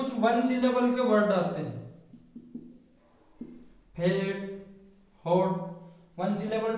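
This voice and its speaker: A man's voice: high-pitched, a little mellow. A man teaching grammar rules in a classroom style, spelling out words letter by letter and asking questions he answers himself. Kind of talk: classroom explanation. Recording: echoey, distant, dull room sound.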